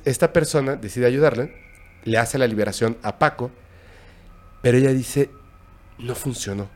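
A man with a Mexican accent calmly tells a horror story in an informal chat. His mid-range male voice stays low and hushed, and he pauses often, halting as he recounts the scary tale.

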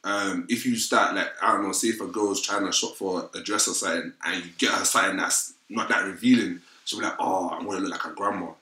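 A young man chats casually in a London roadman accent, thick with street slang. His voice sits low but has a bright, forceful edge. The room gives it an audible echo. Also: steady tone, a little fast, few pauses. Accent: London, urban street style. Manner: London roadman slang, frequent "fam" and "innit". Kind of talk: casual opinionated chat. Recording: roomy, echoing sound.

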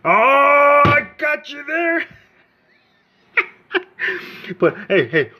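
High, lively man rambling jokingly. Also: very slow. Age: 40s. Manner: rambling, joking, often laughing. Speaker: host of a mock radio show. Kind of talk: rambling comedic monologue. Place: at home. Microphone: phone.

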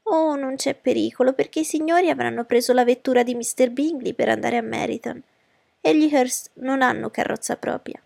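A woman voicing a fussy, excitable middle-aged mother who talks in an eager, pushy way. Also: high-pitched, brisk, creaky, no echo, voice pushed up, exaggerated voice. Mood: coaxing. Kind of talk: audiobook character voice.

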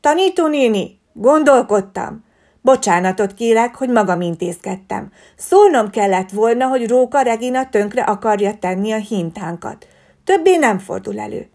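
A woman voicing an honest, stubborn little bear boy who speaks loudly and indignantly. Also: on the high side, expressive. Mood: earnest.

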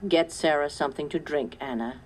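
A woman's voice: low voice, fairly quick, a little hiss or hum, natural voice. A woman reading a storybook voices a weary adult farmer and father who gives curt commands. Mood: stern. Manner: curt, clipped commands softening to gentle reassurance.

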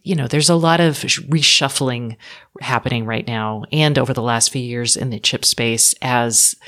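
A woman's voice: a bass voice, a bit bright. A woman co-hosting a tech podcast, talking frankly in casual chat with dry asides that trail off. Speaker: podcast co-host.

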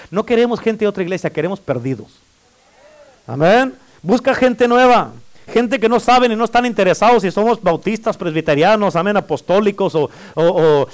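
A man preaching a sermon as pastor, calling for amens and teasing the congregation in a playful way. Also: high-pitched. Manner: preaching with call-and-response amens. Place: church.

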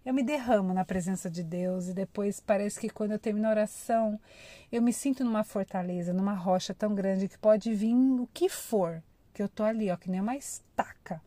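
A woman's voice: medium pitch, moderate pace, dry recording. Woman with a dry close voice giving a devotional. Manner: warm conversational, addresses listeners as "gente"; acts out emotional prayers. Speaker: devotional speaker. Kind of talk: informal devotional talk.

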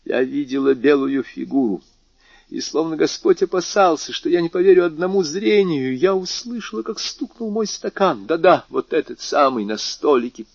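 A man's voice: fairly high pitch, animated, moderate pace, vocal fry, breathy edge, no echo, pitched above the performer's own voice, exaggerated voice. A man voicing a feverish, proud old woman who speaks urgently and pleads in a raised voice. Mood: haunted. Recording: dull dry lo-fi audiobook.

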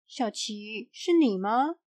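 Brief: gentle storybook schoolteacher, voiced by a woman reader, hushed and a little lower, dry close sound. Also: expressive, slow pace, dry recording. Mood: questioning. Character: patient female schoolteacher, gently questioning.

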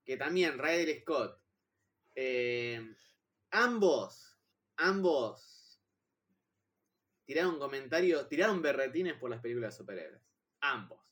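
Rioplatense man, casual podcast talk, excitable, restarts often. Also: on the high side, normal speed. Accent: Rioplatense Spanish. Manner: excitable, stumbling restarts, heated slang. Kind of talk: casual chat about films.

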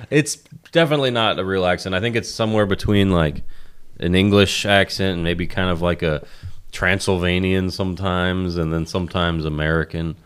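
Deep-voiced young man, laid-back podcast host. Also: animated, unhurried, long pauses, a bit bright, clean tone. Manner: laid-back, laughs often, narrates the episode. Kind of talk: casual chat.

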